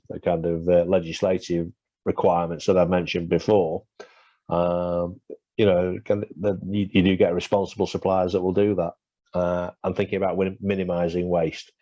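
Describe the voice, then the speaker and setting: His voice low and mellow but failing, a man presents a webinar and responds to questions with frequent fillers and restarts. It's a dry recording with dull, low-fidelity webinar audio.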